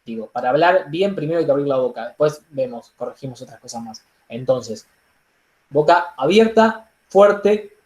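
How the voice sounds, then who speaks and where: A man with an Argentine accent teaching public speaking in an online workshop, animated, with frequent "digo" and "entonces". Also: mid-range voice, roomy sound. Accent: Argentine Spanish. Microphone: laptop microphone on a video call.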